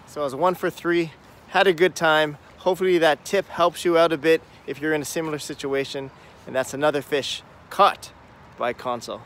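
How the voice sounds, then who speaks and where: A man in his thirties talks straight to a handheld camera at arm's length, upbeat and explanatory as he teaches a fishing technique. His voice sits fairly high for a man. Faint outdoor stream noise runs behind him by a wooded creek. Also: steady tone, fairly quick, fairly bright tone. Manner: upbeat, explanatory, talking to camera while walking. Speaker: fishing vlogger host. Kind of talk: outdoor fishing tutorial vlog. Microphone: phone or camera at arm's length.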